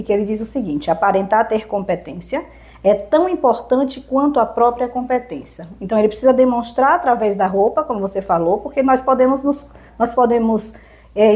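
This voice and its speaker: Brazilian woman teaching oratory in an interview, kinda high voice, lists points n asks herself questions. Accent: Brazilian Portuguese. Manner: didactic, lists points and poses rhetorical questions. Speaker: communication and public speaking trainer. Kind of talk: explanatory interview answers.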